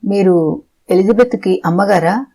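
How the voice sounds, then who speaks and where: Brief: narrator doing a persistent middle-aged man interrogating gently but fast, mellow and low-key, storybook reading. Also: lightly acted. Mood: questioning. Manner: presses with quick, pointed questions. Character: probing middle-aged man questioning a family. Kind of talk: audiobook character voicing.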